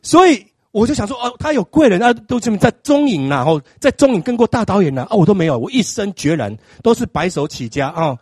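A middle-aged man preaching a sermon, acting out little scenes in an animated way. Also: sits high, fast talker, few pauses, breathy edge, dry recording, clean studio sound. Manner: animated, acts out scenes with exaggerated crying.

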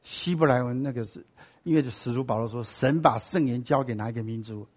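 A man with a mid-range voice speaks briskly while teaching a sermon-style Bible class. He keeps posing rhetorical questions to the class and drops in English and Hebrew words.

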